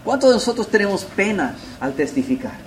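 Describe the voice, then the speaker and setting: A man preaching a sermon, asking rhetorical questions and swinging between loud and soft delivery. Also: high-pitched, big pitch swings, brisk, noisy background. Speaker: pastor.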